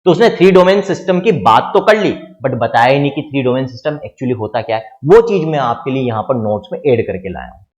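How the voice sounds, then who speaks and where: A man's voice: medium pitch, animated, fast, hardly any pauses, darkish tone. A middle-aged man with an Indian accent teaching biology to exam students, explaining step by step with lots of rhetorical questions. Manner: explains with repeated rhetorical questions, calls listeners "children". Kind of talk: exam-prep lecture.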